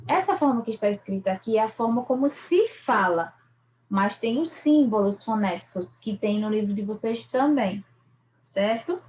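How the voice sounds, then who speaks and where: A woman's voice: medium pitch, animated, normal speed, a little mellow, rough recording. A woman teacher, patiently going over a school English review and checking in with her students. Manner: patient, repeats and checks with "certo?" and "ok?".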